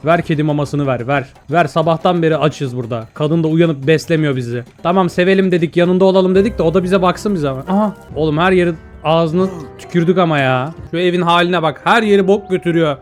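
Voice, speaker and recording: Young man, let's-play commentary, somewhat high pitch, talks to himself and the viewers. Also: fairly quick, few pauses, faint music behind. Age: young adult. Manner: chatty, talks to himself and the viewers while playing; reads out in-game dialogue. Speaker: gaming YouTuber.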